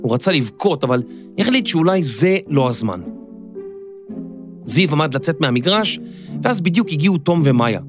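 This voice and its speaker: A man narrating a scripted children's story in a clear, expressive storytelling manner. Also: on the high side, long pauses. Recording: dry studio, faint music.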